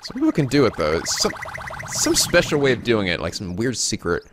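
With a little hiss or hum in the recording and game music underneath, a gaming host delivers loose, playful commentary full of exclamations and swearing. His mid-range voice moves a little fast and swings widely in pitch.

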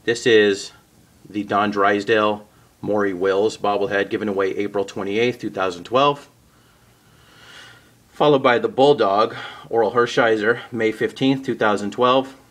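A man casually narrating a walkthrough of his collection on home shelves, naming items one after another with the odd pause and self-correction. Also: on the low side. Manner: steady list-like naming with occasional uh and self-corrections. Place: indoors at home by display shelves.

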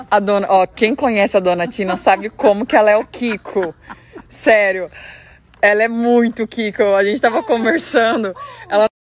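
A woman's voice: mid-range voice, measured pace. A young woman talking casually and playfully while filming on a country estate. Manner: chatty, playful. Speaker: vlogger. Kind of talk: casual vlog chat.

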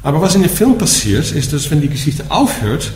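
This is a dharma talk delivered to a group in German by a Dutchman whose voice sits fairly high, sounds sing-song and a bit dark, and moves fairly quickly. Patiently explaining Buddhism, he asks "ja?" after nearly every point. Faint noise lingers in an echoey room.

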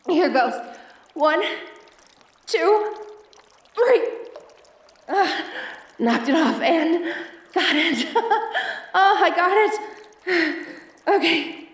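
A woman plays a theatrical femme fatale in audio roleplay aimed at the listener, her very high, expressive, exaggerated voice moving extremely slowly with long pauses. She sounds panicked and pleading, theatrical and by turns pleading or teasing, recorded distant from the mic with a roomy echo.

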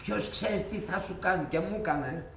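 A man playing a crude, wisecracking fellow trading bawdy stories with deadpan punchlines in a comedy film. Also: high-pitched, gravelly, roomy sound, distant mic, slight background noise.

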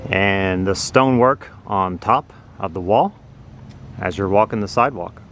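A man narrating a walking tour outdoors on a city sidewalk, explaining things slowly and plainly as he films with a handheld phone. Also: low-pitched, fairly bright tone, faint music behind. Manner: slow, plain, informative. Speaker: vlogger touring a building. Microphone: handheld phone camera.

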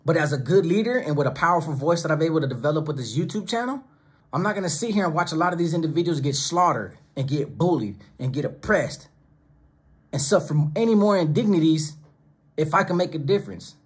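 A middle-aged YouTube channel host gives direct-to-camera commentary from his desk in a small home studio with monitors and speakers, recorded close to the camera. He talks fast and animatedly in a fairly high voice with a breathy edge, preaching emphatically and often stacking phrases in lists.

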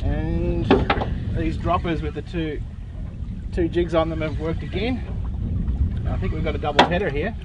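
A man's voice: on the high side, normal speed, long pauses, lo-fi sound. Man commentating on a boat. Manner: relaxed, explaining as he fishes. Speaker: fishing guide. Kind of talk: casual commentary. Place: small boat at sea, outdoors. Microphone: camera mic. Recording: loud wind and boat noise outdoors.

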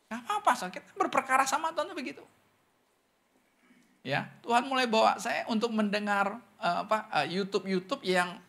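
A man preaching a sermon as pastor, talking straight to the congregation and acting out questions in other voices. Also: gravelly. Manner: animated preaching, often calls the congregation "saudara"; acts out questioners' voices in higher pitch.

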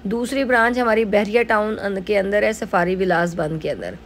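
This middle-aged makeup artist and salon owner speaks with a Pakistani Urdu accent in a mid-range voice at normal speed. She narrates a casual tutorial chattily, repeatedly dropping "jo hai woh" and other fillers. Slight background noise is present.

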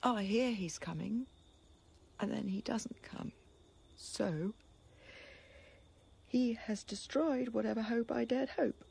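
An actress playing a bitter, grieving young princess in a classical stage tragedy, impassioned, with sharp outbursts among low laments. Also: female voice, normal speed, vocal fry, hardly any pauses, husky. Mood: weary despair.

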